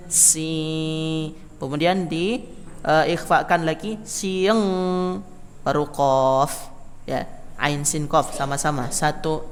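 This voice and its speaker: A man's voice: fairly high pitch, in a large hall. A man teaching a Quran recitation class in a mosque, counting the group in and demonstrating how letters are read. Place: mosque hall. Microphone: microphone in a hall.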